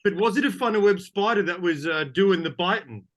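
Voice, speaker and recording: A man's voice: sits high, fairly quick, a bit bright, slight background noise. A young man playing an earnest, slightly hesitant student in an audio drama. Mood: chatty. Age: young adult. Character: young male student, eager, a bit literal.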